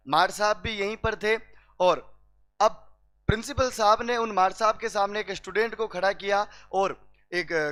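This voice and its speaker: A man's voice: high-pitched, fairly bright tone, smooth. A man telling comic stories to a class, quizzing the listeners and repeating each punchline. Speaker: teacher telling jokes to students.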